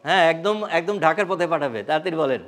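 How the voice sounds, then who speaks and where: A man with a high voice leads a live training session. He is animated and fires questions at the room, slipping between Bengali and English as he teaches. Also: racing. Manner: animated, quizzes the audience, mixes English into Bengali. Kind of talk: live classroom workshop.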